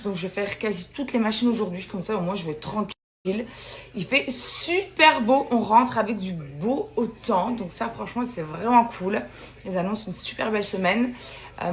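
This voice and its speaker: A woman vlogger chatting casually and loosely to her followers, with a slight lisp that makes her s sounds slushy. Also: medium pitch.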